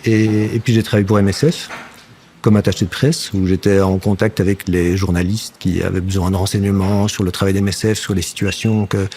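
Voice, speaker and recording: A man in his fifties from the Brussels area, an actor and puppeteer, is a guest in a relaxed interview, speaking French with a faint Flemish accent. His low, level voice is a little mellow and fairly quick, with a touch of hiss or hum on the audio. He hesitates a lot and restarts sentences as he reflects.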